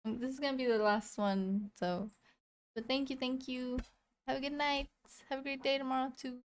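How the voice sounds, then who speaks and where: A woman's voice: sits high, steady tone, normal speed. A woman streamer chatting casually on a live stream, with giggly, chatty asides. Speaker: streamer reacting to videos.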